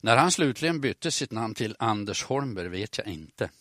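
A man with a northern Swedish accent talks on the radio in a low, unhurried voice. He explains things patiently, like a storyteller. The recording is close and dry, with no room sound. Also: lively intonation, fairly bright tone, dry recording. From Norrland, northern Sweden. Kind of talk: radio talk on language and family history.

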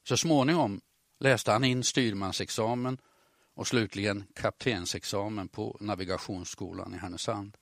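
Low-voiced northern Swedish man, dry sound. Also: gravelly, dry recording. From Norrland, northern Sweden. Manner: calm, explanatory storytelling. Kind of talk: radio talk on language and family history.

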